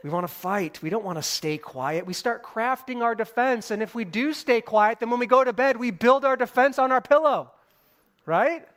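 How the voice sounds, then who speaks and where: High-voiced man preaching a lively sermon. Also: normal speed. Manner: conversational, animated preaching with casual asides. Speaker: pastor.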